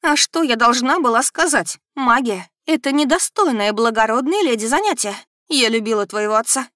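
A woman plays a fussy middle-aged noble mother who pleads and reproaches. Her voice is on the higher side and recorded dry and close. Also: lively intonation, moderate pace, fairly bright tone, no echo. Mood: pleading.

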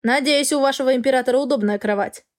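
A woman voicing a male dragon lord in an audiobook, calm and dryly mocking. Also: sits high, fast talker, close to an everyday voice. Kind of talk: audiobook character voice.

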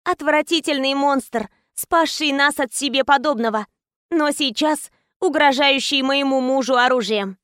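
A woman's voice: sits high, a little slow, fairly bright tone, dry recording, studio quality. A woman narrating a tense first-person story as an audiobook reader.

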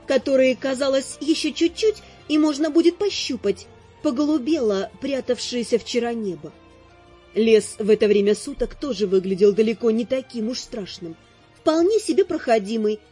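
A woman narrating a fantasy audiobook in first person, with an expressive reading. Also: on the high side, breathy edge.

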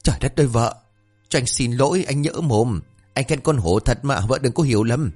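A man voicing a cheeky, talkative young male villager who speaks in a raised, whiny, excitable voice. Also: medium pitch, normal speed, husky, soft background music, pitched above the performer's own voice, lightly acted. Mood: pleading.

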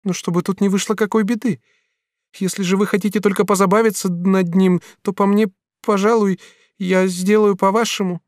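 A man's voice: sits high, level tone, moderate pace, no echo, clean studio sound, voice pushed up, lightly acted. A man playing a proud, devoted young maidservant. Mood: curious. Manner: emphatic, pleading, rising exclamations. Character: young woman servant, devoted, proud, quick-tempered. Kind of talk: audiobook character reading.

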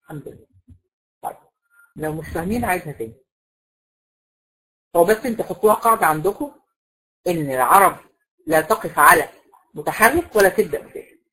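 A woman's voice: fairly low pitch, lively intonation, brisk, long pauses, fairly bright tone, breathy edge, poor audio. A woman with an Egyptian accent, a recitation teacher lecturing a class, explaining patiently, asking the class questions and repeating the key rules. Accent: Egyptian Arabic.

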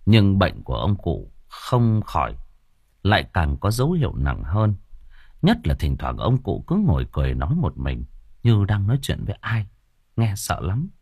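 A man narrating an audio story with a dramatic, expressive storytelling manner. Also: deep voice, moderate pace, husky, dry recording, studio quality.

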